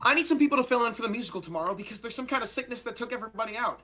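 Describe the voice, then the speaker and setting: An actor playing an overeager school drama director who rushes through his words with enthusiasm. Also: mid-range voice, expressive, fairly bright tone. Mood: eager. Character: eager theater-obsessed school drama director.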